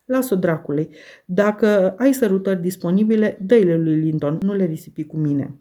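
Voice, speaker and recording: A woman's voice: on the low side, mellow, lightly acted. A woman reading aloud voices Heathcliff, a cold, sardonic middle-aged man who speaks with contempt. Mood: gruff, dismissive.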